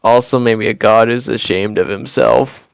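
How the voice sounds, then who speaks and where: A man gives measured, thoughtful remarks at a slow pace in casual stream chat. His voice has a gravelly edge but stays smooth and clear. The sound is dry, with no room echo. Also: lowish voice, steady tone. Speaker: stream co-host. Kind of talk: casual watch-along chat.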